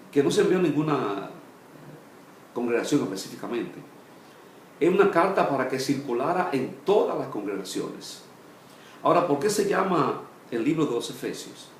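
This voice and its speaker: A pastor leads a Bible study, teaching in short phrases broken by pauses and "eh" fillers, each one fading low and soft. The sound is reverberant with a little background noise.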